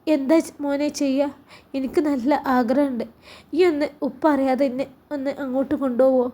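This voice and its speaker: A woman voicing a sorrowful elderly mother who pleads softly, in a Malappuram Malayalam accent. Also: sits high, level tone, fairly quick, close to an everyday voice. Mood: pleading.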